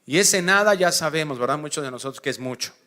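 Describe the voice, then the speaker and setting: A man preaching a sermon as pastor, acting out little scenes and swinging from hushed to loud. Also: on the high side, quick pace. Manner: animated preaching, acts out dialogue, swings from hushed to shouting.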